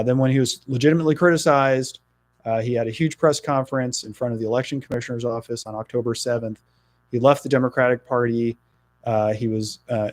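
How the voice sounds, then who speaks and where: A middle-aged New Jersey man running for office speaks in a radio interview, earnest and halting, with lots of fillers. His voice sits mid-range with a darkish tone.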